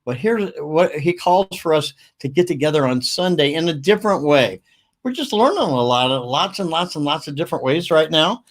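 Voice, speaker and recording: A man hosting a casual livestream, talking in a rambling, upbeat way with quick asides. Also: on the high side. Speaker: livestream host.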